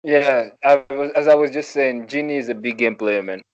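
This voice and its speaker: A man's voice: medium pitch, moderate pace, no echo. A man on a remote call with glitchy audio that keeps breaking up, talking football in a laid-back, hesitant way and often calling others "man". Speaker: podcast panelist. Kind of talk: casual football chat. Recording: dull, dry remote call line.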